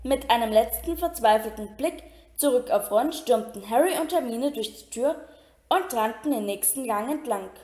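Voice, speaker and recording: A woman reading a children's novel aloud in a steady storytelling manner, with occasional slips and restarts. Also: a little high, moderate pace. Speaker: reader. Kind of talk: amateur audiobook reading. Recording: roomy echo.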